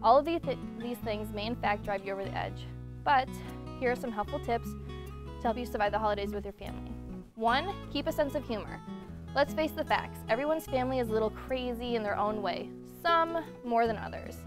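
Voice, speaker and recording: A young woman hosting a segment in a scripted presenter style, giving advice in a brisk, list-like way. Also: fairly high pitch, music in the background. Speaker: segment host.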